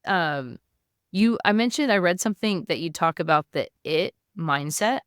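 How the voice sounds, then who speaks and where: A woman's voice: lowish voice, animated, normal speed, smooth, dry recording, clean studio sound. A woman hosting a podcast interview, encouraging and asking long, winding questions. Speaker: podcast host.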